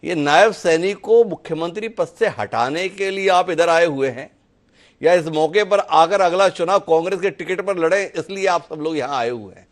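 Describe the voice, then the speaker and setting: A man's voice: on the high side, normal speed. A man anchoring a televised political debate, firing pointed, rhetorical questions at his guests.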